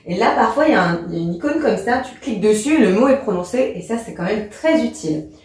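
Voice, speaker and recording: A woman's voice: fairly high pitch, animated, fast talker, darkish tone, distant mic. Teacherly woman in an echoey room. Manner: patient, teacherly, step-by-step. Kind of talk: explanatory lesson.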